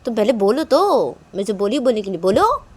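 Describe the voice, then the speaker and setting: Lady putting on a teasing young girlfriend voice, pushy, a bit higher. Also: big pitch swings, brisk. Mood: insistent. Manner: insistent, higher and louder than the narration.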